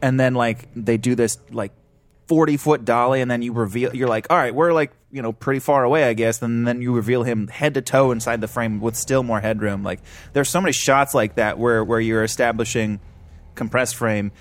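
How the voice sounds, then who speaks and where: A man's voice: medium pitch, fairly even intonation, moderate pace, dry recording. A man in a casual film discussion, talking animatedly and swearing freely.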